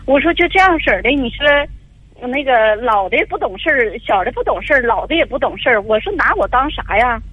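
A woman's voice: a little high, lively intonation, brisk, breathy edge, no room sound. An older woman, calling in to an advice radio show and telling a long, tearful story with many fillers. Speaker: caller. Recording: dull lo-fi phone line.

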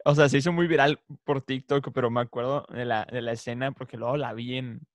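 A man's voice: medium pitch, moderate pace, dry recording. A playful man chats casually as a podcast co-host. His voice sits in a middle register and is captured dry and close, with no room sound. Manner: playful, laughs often, imitates cartoon voices. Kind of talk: casual chat.

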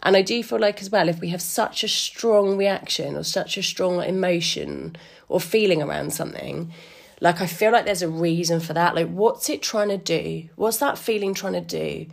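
A woman's voice: on the low side, moderate pace, vocal fry. A woman with a slightly wheezy voice musing casually on her own as a podcast host, informal, chatty and enthusiastic. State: a bit wheezy today.

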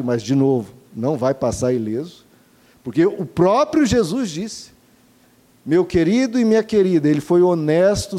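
A Brazilian male pastor delivers an earnest sermon in a fairly high, warm and mellow voice. He speaks to the congregation directly, asking rhetorical questions and building his points through repeated phrases. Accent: Brazilian Portuguese.

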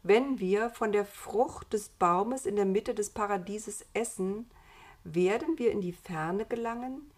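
A woman's voice: medium pitch, measured pace, natural voice. A woman voicing Eva, a curious, inventive young woman, in a storybook reading, eager and thoughtful. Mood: earnest.

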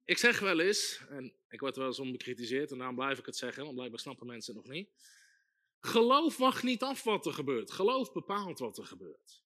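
Man, preacher, bright tense voice, emphatic, repeats phrases. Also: medium pitch, big pitch swings, a little fast. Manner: emphatic, repeats key phrases, builds to loud exhortation. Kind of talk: sermon.

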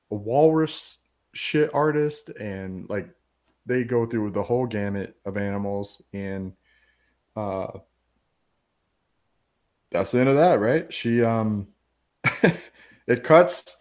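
A man's voice: medium pitch, takes it slowly, pauses often, a little mellow. A man hosting a casual movie podcast, retelling the plot in a loose, profane, rambling way and quoting the characters. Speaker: podcast host.

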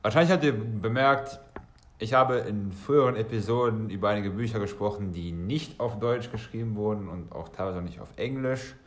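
A bilingual German and Serbian man hosts a solo podcast, speaking conversationally and directly to his listeners and often rephrasing himself. His voice is lowish, at normal speed, and sounds reverberant.

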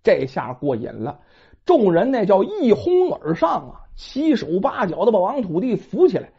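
A woman's voice: medium pitch, wildly swooping pitch, moderate pace, creaky, slightly rough. A woman telling a folk tale in a dramatic, colloquial storytelling manner, in a dull lo-fi recording.

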